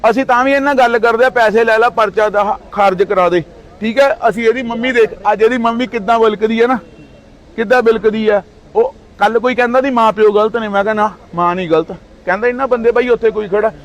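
A man's voice: very high voice, steady tone, fast. A man in his thirties from Punjab, India, speaking in a heated street interview with indignant, accusing outbursts.

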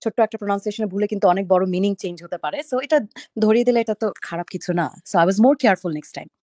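A woman's voice: mid-range voice, quick pace, a little mellow, no echo, clean studio sound. A woman on a panel in a casual live discussion, chatty and mixing English phrases into her talk.

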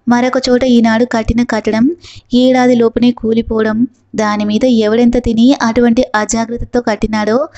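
A woman reading the part of a grave, serious young man who speaks slowly and earnestly, in a dull lo-fi recording. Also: a little high, a little mellow, lightly acted. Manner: slow, measured, earnest.

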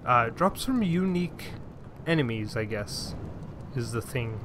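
A man's voice: medium pitch, animated, measured pace, background noise. A man giving casual gameplay commentary, talking to himself and his pet as he plays, with mild frustrated sighs. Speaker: let's play gamer.

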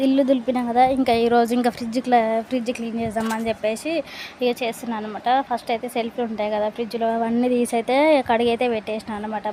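A woman's voice: on the high side, warm tone. A woman, chatting casually at home about her day and her chores. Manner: chatty, running commentary on chores. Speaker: home vlogger and mother. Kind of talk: casual home vlog chat. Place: at home indoors. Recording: home recording with clear room noise.

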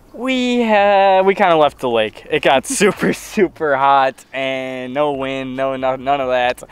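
A man in his twenties vlogging from a small boat on a lake, talking casually to an action camera strapped to his chest, excitable and quick to laugh. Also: medium pitch, clear, resonant tone. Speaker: fishing vlogger. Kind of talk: casual on-the-water narration.

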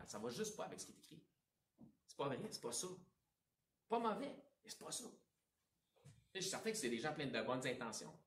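A man with a Quebec French accent preaching a Sunday sermon, swinging between emphatic outbursts and hushed asides. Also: mid-range voice, reverberant, recorded from a distance. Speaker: pastor. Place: church sanctuary.

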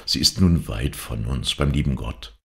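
A man voicing a grave dike warden and father who speaks quietly and solemnly, in a storybook reading. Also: very deep voice, moderate pace, creaky. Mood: solemn calm.

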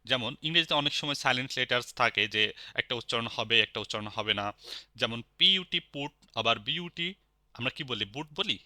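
A man with a Bangladeshi Bengali accent teaching a spoken language lesson, patiently repeating each word slowly. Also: medium pitch, expressive, bright, forceful tone, no echo, clean studio sound.

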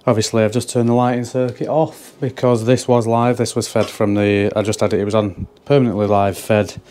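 A young electrician vlogger with a warm, mellow, lowish voice talks casually into a handheld camera mic while fitting things indoors at a house job. He speaks fairly quickly in a level tone, rambling with asides and cracking self-mocking jokes. A faint hum sits in the background of the room.

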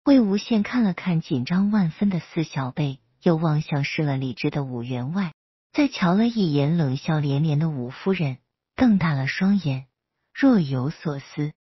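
A woman storyteller narrating serialized fan fiction, with a husky voice. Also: low voice, lively intonation, moderate pace, no echo, dull audio.

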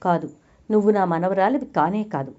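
A woman's voice: medium pitch, moderate pace, warm tone, lightly acted. A woman voicing a stern elderly grandfather who accuses and confronts in a raised voice, over a dull lo-fi recording. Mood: angry accusing. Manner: accusing, raising voice.

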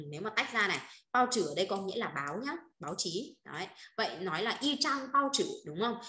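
A woman's voice: mid-range voice, pushed and bright, roomy sound. A woman teaching Chinese vocabulary, repeating points and checking often with her students. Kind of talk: online vocabulary lesson.

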